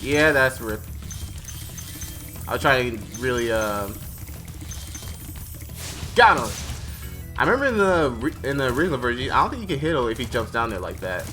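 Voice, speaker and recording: A man's voice: mid-range voice, big pitch swings, normal speed, pauses often, pushed and bright. A young man giving casual, rambling commentary while playing a video game. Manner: rambling, chatty, self-correcting. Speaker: gaming streamer. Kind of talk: casual let's-play commentary. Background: game music.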